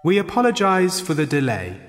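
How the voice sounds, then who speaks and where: A man reading scripted train station announcements in a slow, clear public-address delivery. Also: fairly high pitch, wildly swooping pitch, over music. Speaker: announcer in a listening exercise. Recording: long hall reverb.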